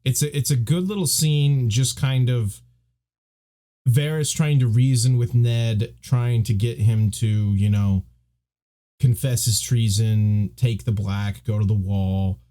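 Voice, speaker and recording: A man co-hosting a podcast in a relaxed, chatty way. His pitch sits in the middle of the range, and his delivery is animated and conversational. When he quotes characters, he slips into playful imitations. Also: slow pace. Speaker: podcast co-host. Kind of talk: casual podcast discussion.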